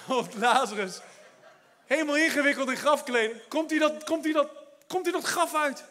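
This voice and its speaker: A man preaching a lively sermon, retelling a story with quick asides and laughs, then building to loud exhortation. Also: very high-pitched. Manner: animated preaching with laughs and English phrases. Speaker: pastor.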